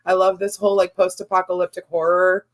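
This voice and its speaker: Female podcast co-host, hoarse and tired-voiced, effusive fan in casual chat. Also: lowish voice, level tone, fast. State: hoarse, worn-out voice after cheering.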